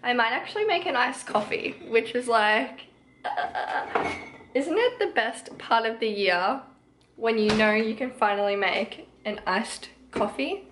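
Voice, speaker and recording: A woman's voice: fairly high pitch, lively intonation, a little slow, a bit bright, slight background noise, low-quality recording. A young woman with a New Zealand accent, chatting casually to her camera in her home kitchen, upbeat and rambling with lots of "like". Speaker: fitness vlogger. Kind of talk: casual vlog chat.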